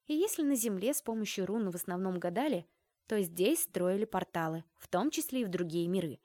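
A woman's voice: medium pitch, dark tone, no room sound, studio quality. A woman narrating a first-person fantasy audiobook in a wry, conversational way.

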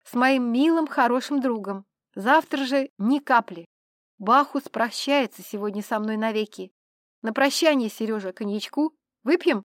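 A woman voicing a tipsy, chattering male count who rambles excitedly and pleads with his friends. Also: a little high, moderate pace, no echo, clean studio sound, close to an everyday voice. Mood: merry tipsy.

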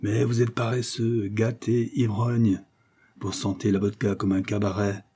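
A man's voice: fairly low pitch, level tone, a little slow, warm tone, slightly rough. A man voicing an indignant lawyer who scolds a beggar sharply. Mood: scolding. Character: indignant male lawyer, stern, moralizing.

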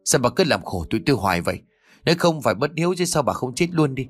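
A man's voice: medium pitch, very animated, quick pace, soft background music. A man narrating a story and voicing an angry grown son who roars at his old mother. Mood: harsh anger. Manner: roaring, harsh.

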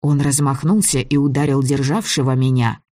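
A fantasy audiobook read in the first person with an even, measured delivery at a middling pitch. The recording is dry and close, with no room sound at all. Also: no room sound. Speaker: audiobook reader.

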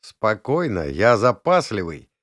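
A man's voice: lowish voice, very animated, measured pace, fairly bright tone, no room sound, studio quality, exaggerated voice. A man voicing a cheerful young man in an audiobook who speaks with constant playful irony. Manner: playfully ironic. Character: cheerful ironic young man, boastful joker. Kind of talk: audiobook character voice.

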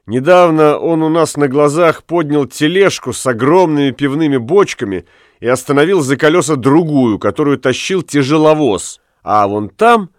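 A chattering townswoman who warns and brags in a lifted, busy voice, as a man puts her on. It is a storybook reading with lively intonation and a dry sound. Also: a little high, moderate pace, no room sound, voice pushed up, close to an everyday voice. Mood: boasting. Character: gossipy townswoman, boastful about a strongman.

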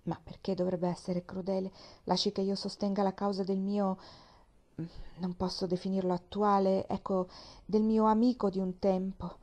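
A woman reading the part of Mrs Smith, a shrewd, knowing widow who speaks in a confiding, gently teasing way. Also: mid-range voice, close to an everyday voice.

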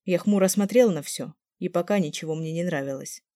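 Woman narrating a novel, low pitch, mellow tone, dry close recording. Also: brisk, dry recording. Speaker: audiobook narrator. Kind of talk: first-person novel reading.

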